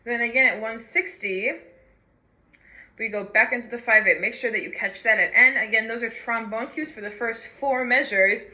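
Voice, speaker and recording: A woman's voice: fairly high pitch, moderate pace, bright, forceful tone, roomy sound, slight background noise, poor audio. A woman teaching a band part, counting beats aloud and singing rhythms on syllables. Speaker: music teacher. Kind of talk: instructional walkthrough with sung rhythms.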